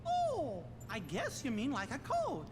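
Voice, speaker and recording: A man's voice: very high-pitched, wildly swooping pitch, measured pace, background noise, full character voice. A man voicing a small, earnest, folksy cartoon king in a video game cutscene. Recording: game audio under loud music.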